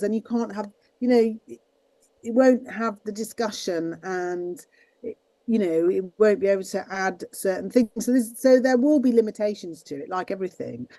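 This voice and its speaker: A voice actress talking casually in an interview over a video call, rambling with many restarts. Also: female voice, medium pitch, warm tone, no echo, rough recording. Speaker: voice actress and guest; teaches students. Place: at her desk.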